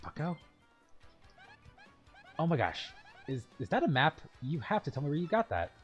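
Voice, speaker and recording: A man's voice: a little high, huge pitch swings, moderate pace, breathy edge, highs cut off, soft background music, pitched above the performer's own voice, heavily acted. A man reading aloud as a young female goomba student in a video game, chatty and sarcastic. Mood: snarky.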